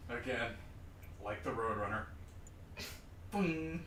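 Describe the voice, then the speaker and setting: A man's voice: mid-range voice, moderate pace, sharp tone. A man joking casually as a player in a tabletop game. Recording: roomy echo, distant mic, faint noise.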